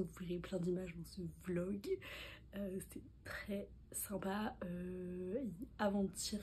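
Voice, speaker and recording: A young woman talks casually to the camera in a mellow, soft voice and often slips into a breathy half-whisper. She rambles, loops back on her own words and keeps a relaxed, chatty pace. A faint hiss sits under the recording. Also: mid-range voice. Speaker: medical student vlogger. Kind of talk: casual vlog chat to camera.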